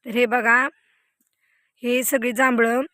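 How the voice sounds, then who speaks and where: A woman's voice: fairly high pitch, little pitch movement, slow, pushed and bright, no echo. A young woman vlogging outdoors on a farm, chatting straight to viewers as she walks with a handheld phone. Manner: chatty, talks straight to viewers while walking. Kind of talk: casual vlog walkthrough. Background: faint wind and outdoor noise.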